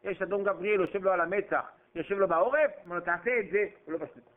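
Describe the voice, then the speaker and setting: Male preacher, dramatic storyteller who acts out the voices, high register, thin phone-like sound. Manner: dramatic storytelling, acting out voices with sudden pitch jumps. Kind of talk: sermon. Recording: tinny phone-like recording.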